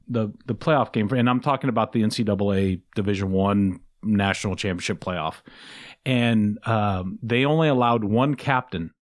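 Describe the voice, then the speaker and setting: A man co-hosting a sports talk show, speaking casually with a sarcastic, questioning tone and drawn-out phrasing. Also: on the low side. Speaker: sports podcast co-host.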